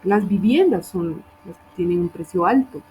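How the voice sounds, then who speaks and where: A woman's voice: on the low side, expressive, moderate pace, dark tone, slight background noise, low-quality recording. A woman teacher reviewing student assignments, correcting wording and often checking in with her class.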